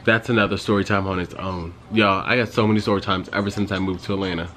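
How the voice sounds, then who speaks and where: Chatty young man with a lowish voice. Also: steady tone, quick pace, a bit bright. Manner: rambling, chatty storytelling with frequent "like". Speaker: vlogger. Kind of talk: casual vlog chat. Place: in his car, then at home.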